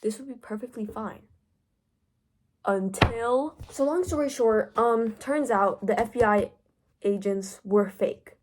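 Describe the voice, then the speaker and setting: A woman's voice: fairly high pitch, takes it slowly, a little mellow, slight background noise. A young woman giving a casual, profane rant about a book plot, packed with "like" fillers. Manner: profane, filler-heavy storytelling. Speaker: book vlogger.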